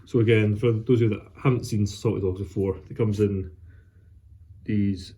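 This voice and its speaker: A man hosts a relaxed solo vlog in a very dark, mellow voice. His pitch sits a little low. He chats casually and rambles along, often halting as he gathers his words. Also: a little hiss or hum. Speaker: host of a pipe tobacco vlog. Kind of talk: casual solo chat to camera.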